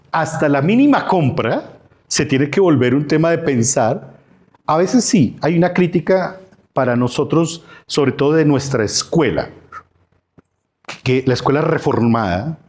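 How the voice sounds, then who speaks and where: A man's voice: mid-range voice, darkish tone. A man, a pastor teaching a Sunday school class, who poses questions to the class and acts out dialogue from the parables. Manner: asks the class questions and answers them himself.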